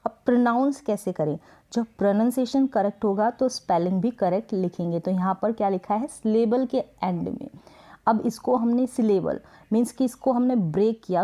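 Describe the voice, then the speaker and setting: Woman teacher, warm low-key tone, patient and repetitive, stretches words out slowly. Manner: patient, repetitive, asks and answers own questions; drawn-out word sounding. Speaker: English spelling teacher. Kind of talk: Hindi-language spelling lesson.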